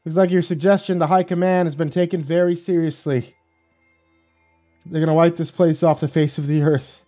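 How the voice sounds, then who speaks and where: Man doing an unhinged army doctor for a horror audiobook, bitter and edgy, pitched up. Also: fairly even intonation, normal speed, dark tone, soft background music, natural voice. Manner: bitter, edgy, near-hysterical.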